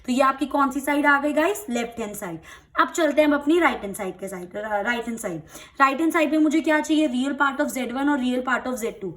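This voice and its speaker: A woman's voice: sits high, a little fast, fairly bright tone. A young woman teaching a maths lesson, working through each step patiently and checking that her students follow along. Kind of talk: step-by-step maths lesson in Hindi-English mix.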